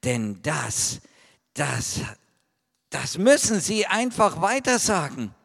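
A man tells a Bible story to children as a sermon, dramatic and unhurried. His voice sits high and leaps around, and he drops to hushed whispers between loud calls. Long reverb from a large hall hangs after each line. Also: sing-song, gravelly. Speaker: preacher.

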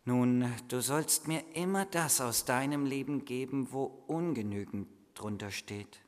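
A man voicing the child Jesus in a lowered, soft and calm voice. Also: a little slow, in a large hall, lightly acted. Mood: gentle.

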